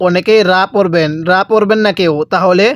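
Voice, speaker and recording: A man's voice: high-pitched, brisk, no room sound, studio quality. A man teaching how to pronounce Arabic letters, patiently repeating each one and asking the viewer to say it back. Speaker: Quran reading teacher. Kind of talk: step-by-step recitation lesson.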